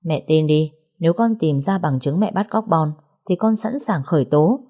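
A woman's voice: deep voice, animated, normal speed, mellow. A woman voicing a firm, protective young man in a story, speaking with restraint. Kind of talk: audiobook character reading.

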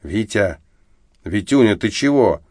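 A steady, sober man talks a drunk friend down in a low, plain voice, as a male reader voices him. He is soothing, though he can snap out an order. The sound is dry and close. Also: a little slow, no echo.

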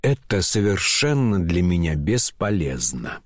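A man's voice: deep voice, very animated, unhurried, no room sound, pitched below the performer's own voice, exaggerated voice. A man voicing a proud, scornful young woman with a dry, contemptuous delivery in an audiobook. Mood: cold. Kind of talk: audiobook character reading.

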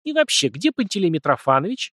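A man's voice: sits high, sing-song, a bit bright, no room sound, clean studio sound, voice pushed up. A man doing a timid, bewildered young girl. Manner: slow, hesitant, wondering questions.

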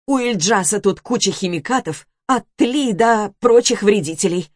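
A woman voicing a calm woman who smokes and talks in an offhand way. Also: medium pitch, moderate pace, no echo, clean studio sound, lightly acted. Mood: unbothered. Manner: unbothered, offhand. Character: calm cool woman, smoking.

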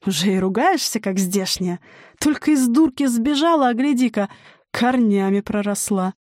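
A woman's voice: a little high, expressive, normal speed, darkish tone, no echo, studio quality, natural voice. A woman voicing a cruel, wolf-like male forest spirit who growls his demands in a storybook reading. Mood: mocking.

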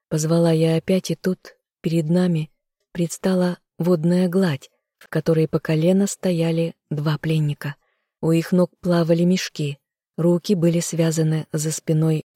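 A woman narrating a novel in the first person, steady and dramatic. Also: low voice, dry recording, clean studio sound. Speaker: audiobook narrator.

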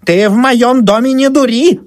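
A man doing a shrill, demanding old peasant woman. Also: animated, measured pace, gravelly, mellow, husky, dry recording, clean studio sound, exaggerated voice.

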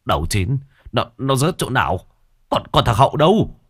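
A man voicing a sorrowful middle-aged fisherman who speaks haltingly, in a storybook reading. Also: mid-range voice, sing-song, husky, pitched above the performer's own voice. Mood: alarmed. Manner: halting, stammering speech. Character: grieving middle-aged fisherman father, low and heavy.

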